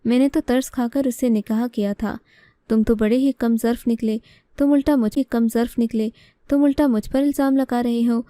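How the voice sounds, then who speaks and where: A woman's voice: on the high side, fairly even intonation, warm tone, no room sound, studio quality, close to an everyday voice. Woman voicing a worried, indignant brother. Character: worried young man, the heroine's brother, defensive.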